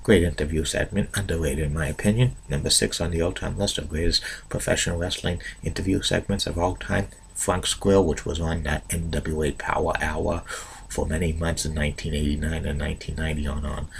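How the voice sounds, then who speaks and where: A man hosting an unscripted countdown in a halting, repetitive way, stumbling over his words. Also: extremely low pitch, fairly even intonation, creaky. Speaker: host of a top ten countdown series. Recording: noisy amateur recording.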